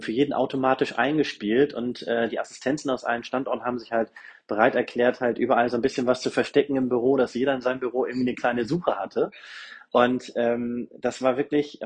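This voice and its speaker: A man's voice: medium pitch, slightly rough. A man, speaking as a guest in an interview, rambling along with many fillers and restarts. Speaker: company representative, guest. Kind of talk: conversational interview talk.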